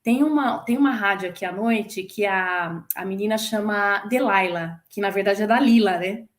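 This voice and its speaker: A Brazilian woman in her forties, a former flight attendant, chatting in an interview and telling stories with lively acted-out quotes. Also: mid-range voice, normal speed. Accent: Brazilian Portuguese. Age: 40s. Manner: lively storyteller who acts out quoted voices. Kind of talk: casual chat interview.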